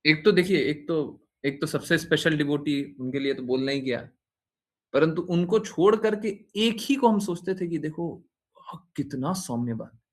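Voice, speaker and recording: A man's voice: a little high, normal speed. A man who is a spiritual teacher, giving an informal devotional talk to his followers, teasing them and repeating his phrases. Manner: teasing, repeats phrases, frequent "हैं?" tag questions.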